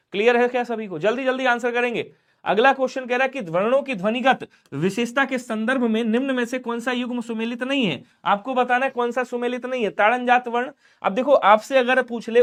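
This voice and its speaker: A young man teaching an online exam-prep class, lively and coaxing, quizzing his students and acting out their replies. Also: extremely high pitch. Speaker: Hindi teacher.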